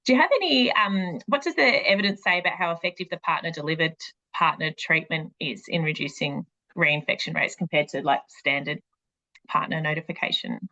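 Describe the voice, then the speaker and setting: A woman's voice: low-pitched, a little fast, bright, forceful tone, muffled recording. A woman moderating an online webinar, reading questions from the chat. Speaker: webinar host.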